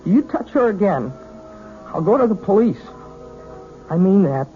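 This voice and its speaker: An actor playing an earnest, lovestruck twenty-year-old piano student in a 1970s radio drama, halting and intense. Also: male voice, sits high, sing-song. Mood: nervous, defiant. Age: young adult. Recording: tinny, muffled old radio broadcast.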